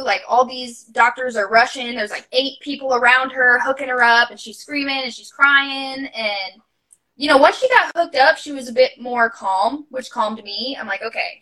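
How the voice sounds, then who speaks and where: Young woman chatting away on a podcast, kinda high and bright, lots of likes and you knows, laughs a bit. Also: low-quality recording. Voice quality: chatty, many fillers and asides. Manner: open and heartfelt, laughs while talking. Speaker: podcast guest, new mother. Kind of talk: casual interview storytelling.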